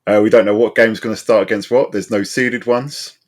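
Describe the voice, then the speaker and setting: A man co-hosting a casual gaming chat who speaks haltingly, with fillers and restarts. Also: lowish voice, steady tone. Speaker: co-host.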